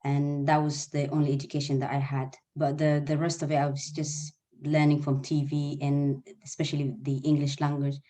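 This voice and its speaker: A young Eritrean man raised in Sudan, whose first language is Arabic, answers interview questions earnestly as a guest on a webinar; he's a nursing student and former refugee. His voice sits on the high side and stays monotone, warm in tone, moving at a normal pace with few pauses, and he makes small grammar slips.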